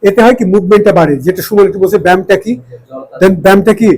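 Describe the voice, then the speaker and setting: A man's voice: high voice, fast talker, darkish tone, low-quality recording. A middle-aged man from Bangladesh, giving a classroom lecture on pronunciation and news reading, explaining patiently and drawing out vowels as he demonstrates drills. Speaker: voice and news presentation instructor.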